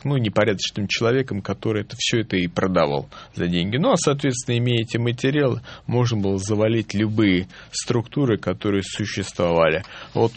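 A man speaking as a historian guest on a radio interview, halting and full of fillers. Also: fairly low pitch, no room sound.

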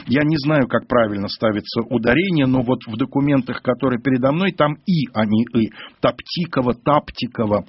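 A man narrating a detailed historical account for a radio program in a measured way, reading old documents aloud with his own asides. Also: mid-range voice, breathy edge, no room sound, highs cut off.

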